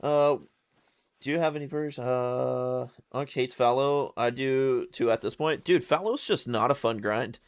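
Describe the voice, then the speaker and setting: Talking a little slowly, this medium-pitched streamer keeps things relaxed and slangy as he plays, addressing his audience as "dude" and "brother" while frequently stuttering over and repeating words. His tone is clean, with no room sound.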